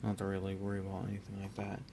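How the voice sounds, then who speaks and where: A young man casually talking through his hobby work, rambling and relaxed with many fillers and restarts. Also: sits low, racing, noisy background. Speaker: miniature painter.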